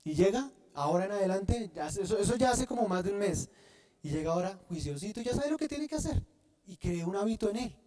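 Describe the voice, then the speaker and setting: Guy preaching, soft dark tone, keeps asking the church to finish his sentences. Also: high voice, animated, fast talker. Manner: asks the congregation to fill in words; repeats and restarts often. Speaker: pastor. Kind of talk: sermon.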